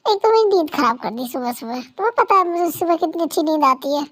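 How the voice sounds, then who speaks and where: A woman's voice: high-pitched, lively intonation, fast talker. A woman voicing a sleepy young husband soothing his angry partner, in an amateur fan dub. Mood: groggy. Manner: lazy, soothing, teasing.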